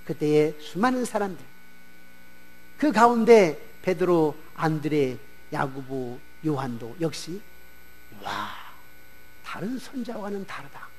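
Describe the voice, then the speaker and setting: A male pastor giving a Sunday sermon in a church, preaching in an animated way and acting out the voices of disciples and regional speakers. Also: fairly high pitch. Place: church sanctuary.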